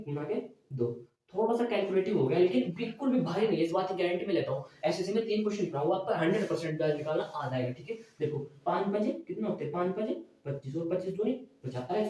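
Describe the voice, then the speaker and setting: A male math teacher lecturing in a classroom style, asking his students questions and answering them himself, often checking with a quick "okay". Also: on the high side, mellow. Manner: repeats "theek hai" as a check. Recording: very echoey room, mic far away.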